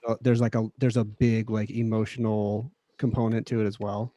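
A man's voice: on the low side, flat delivery, moderate pace, mellow. A man co-hosting a podcast in casual chat, emphatic and stammering as he argues a point into a close studio mic. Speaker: podcast co-host.

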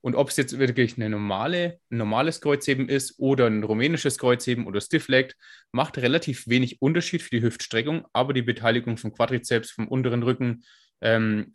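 Man with a raspy smoker's voice, explaining. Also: medium pitch. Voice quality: scratchy smoker's rasp. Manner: explanatory, technical, informal. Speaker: podcast co-host and fitness coach. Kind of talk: casual explanatory podcast talk.

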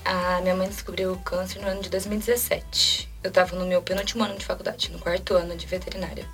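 A young woman in her twenties with a Brazilian Portuguese accent, a guest telling a personal story quickly and emotionally and acting out quoted dialogue. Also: on the low side, little pitch movement, a bit bright. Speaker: interview guest. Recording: mic at a distance, faint music.

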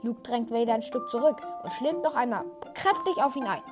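A woman retells a story in a scripted, dramatic narration. Her voice sits on the high side. Clear music plays underneath throughout. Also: fairly quick. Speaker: podcast host.

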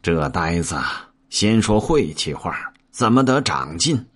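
A man's voice: low-pitched, sing-song, measured pace, slightly rough, exaggerated voice. A man voicing a clever, teasing monkey monk in a told story. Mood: mocking. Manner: teasing, chuckling.

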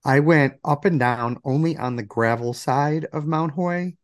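A man with a gravelly voice, still recovering from illness, chatting casually as a podcast co-host. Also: a little high, measured pace, no room sound, clean studio sound. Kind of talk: casual banter.

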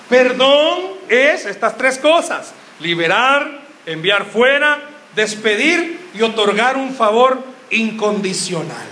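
A young man preaching, his voice pitched high and cutting, as he teases the congregation and keeps firing questions at them. The sound rings around a roomy church hall. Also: pushed and bright, slight background noise. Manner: joking, quizzes the crowd with questions. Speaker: youth preacher. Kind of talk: sermon.

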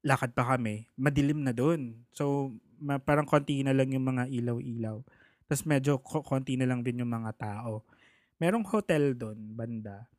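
A man's voice: mid-range voice, normal speed, no echo, studio quality. A man casually telling a personal story, acting out the people he quotes. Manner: animated, acts out the people he quotes.

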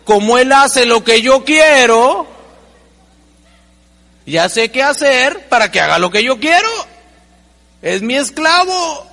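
A man giving an animated seminar talk as a motivational speaker, acting out little dialogues with humor. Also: very high voice, takes it slowly, creaky, pauses often. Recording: long hall reverb.

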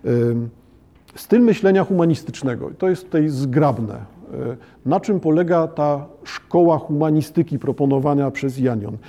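A man giving an academic lecture on literature, talking haltingly with many hesitations and checking that his listeners follow. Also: a little high, warm tone. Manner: halting, with frequent "e" hesitations and restarts; addresses listeners formally and checks understanding.

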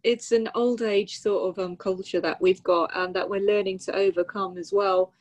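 A woman talks casually in a thoughtful, wry way. She often pauses with ums as she works through her points. Her voice sits at an ordinary middle pitch. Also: fairly even intonation, a little mellow. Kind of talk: casual chat.

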